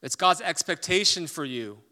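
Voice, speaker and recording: A man preaching a sermon as a pastor, emphatic, swinging between loud stressed points and quiet asides. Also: a little high, expressive, normal speed, long reverb tail.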